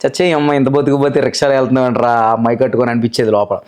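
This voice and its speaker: A man with a Godavari Telugu accent, a voice-over artist telling his story as a guest in a casual interview, in a brisk, chatty, self-assured way. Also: medium pitch, level tone, a little mellow, clear, resonant tone. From Godavari region, Andhra Pradesh, India.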